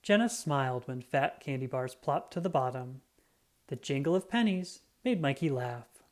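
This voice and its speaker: A woman reads a children's book aloud in an expressive, scripted way, acting out the characters' dialogue. She has a bass voice and speaks at normal speed.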